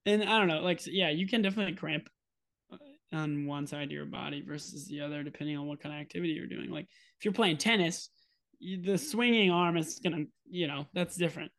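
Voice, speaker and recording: A young man co-hosting a podcast in relaxed casual chat, talking with many fillers and laughing easily. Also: a little high, quick pace. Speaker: podcast co-host.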